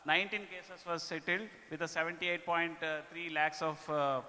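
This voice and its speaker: A man with an Indian accent giving a corporate performance presentation to staff, speaking haltingly and often tagging his phrases with "okay". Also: on the high side, fairly even intonation, sharp tone. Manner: halting delivery with repeated "okay" tags. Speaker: business presenter. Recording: echoey hall with long reverb.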